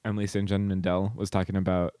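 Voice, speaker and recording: Low-voiced man, halting book talk. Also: flat delivery, warm tone, clean tone, no room sound, studio quality. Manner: halting, restarts often, quick to laugh. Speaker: podcast co-host. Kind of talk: casual book chat.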